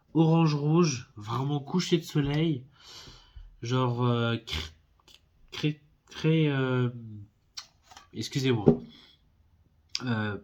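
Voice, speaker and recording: A film collector YouTuber with a stuffy head cold casually presents a collector's box set in an unboxing video. His medium-pitched voice is a little mellow, and he comes across as hesitant and friendly, using lots of filler sounds.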